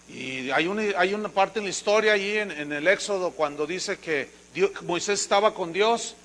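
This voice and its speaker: A male pastor with a Mexican accent preaching a sermon, telling stories in a lively way and acting out voices. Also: sits high, low-quality recording.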